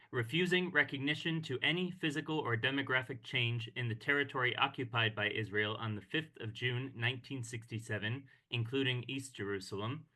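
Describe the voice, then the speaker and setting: A man with a bright, forceful tone delivers a formal, measured address over a video call. He speaks as an organization's director, with the odd hesitation between points. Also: medium pitch. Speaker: executive director of a peace organization. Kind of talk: online meeting speech. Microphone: computer mic on a video call.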